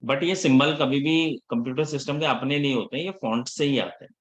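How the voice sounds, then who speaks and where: A man teaching a live class in a relaxed mix of Hindi and English, checking in with his students after almost every point. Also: mid-range voice, brisk. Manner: casual Hinglish teaching, checks in often with the class; scolds students about attendance. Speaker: instructor.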